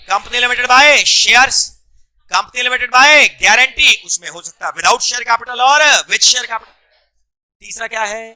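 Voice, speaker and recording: A male commerce law teacher lectures a class in Hindi, mixing in English terms. His very high voice is sharply bright, clear and resonant, and he fires quick, repeated questions at the students.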